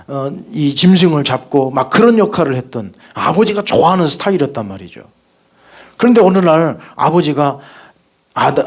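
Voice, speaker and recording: A Korean male pastor delivering a sermon in a church sanctuary with a fairly high voice. He keeps asking rhetorical questions and calls for the congregation to repeat after him. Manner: rhetorical questions, call and response.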